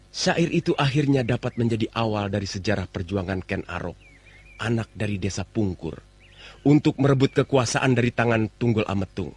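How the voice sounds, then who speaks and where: An actor playing a persuasive, poetic young nobleman and elder brother in a theatrical old radio drama style, with a husky voice. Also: lowish voice, darkish tone.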